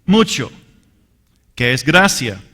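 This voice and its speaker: Guy preaching slow and earnest, calls everyone brothers, testimony-style sermon. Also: mid-range voice, sing-song, sharp tone. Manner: earnest, addresses listeners as brothers; deliberate and emphatic. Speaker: Bible teacher. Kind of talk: sermon teaching with personal testimony.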